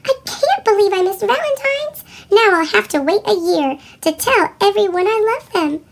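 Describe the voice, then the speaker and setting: A woman voicing an earnest, loving, apologetic little storybook girl through a squeaky chipmunk effect. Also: expressive, moderate pace. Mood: dismayed. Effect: chipmunk pitch shift.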